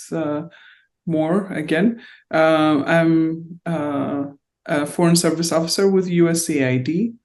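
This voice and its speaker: A middle-aged woman born in Ethiopia and raised in North Carolina, a diplomat recalling her life in an oral history interview, halting and reflective with many fillers. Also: low-pitched, a little mellow.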